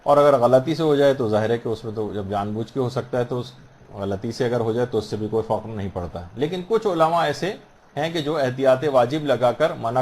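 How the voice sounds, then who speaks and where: A man teaching the rules of prayer in a patient, explanatory way, repeating phrases and slowing down to model the correct pronunciation. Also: medium pitch, darkish tone, a little hiss or hum. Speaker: religious teacher. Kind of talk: instructional talk on prayer rules.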